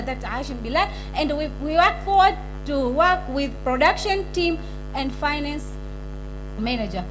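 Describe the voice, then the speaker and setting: A young woman with a Zanzibari accent giving a formal, rehearsed business pitch to an audience, stumbling over some words. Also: background noise. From Zanzibar, Tanzania. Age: young adult.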